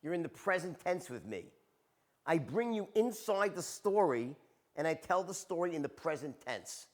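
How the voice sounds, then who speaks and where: A man runs a storytelling seminar in an animated, punchy way, checking in with the room after nearly every point. His voice sits a little high for a man and swings widely as he speaks. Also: normal speed. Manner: animated, tags points with "right?" and "okay?". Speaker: sales trainer.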